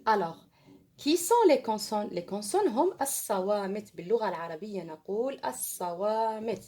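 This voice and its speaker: A woman with an Arabic accent teaching French to young primary pupils, switching between Arabic and French and repeating each point slowly. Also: medium pitch, animated, darkish tone. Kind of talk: online lesson for children.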